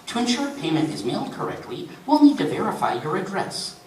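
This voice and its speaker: A man reads out a prim automated telephone menu that clips through its prompts and turns snide. The pitch swings lively across the lines. It rings through a roomy hall, picked up from some distance. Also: brisk, slight background noise, full character voice. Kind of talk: reading fiction aloud to an audience. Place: convention reading room.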